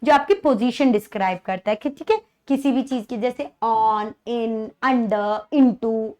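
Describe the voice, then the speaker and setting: A woman's voice: on the high side, mellow. A young Indian woman teaching an English exam-prep lesson to children, drawing out example sentences and checking understanding with repeated questions. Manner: slow, drawn-out reading of example sentences; repeats "thik hai" often, coaxing questions to the class.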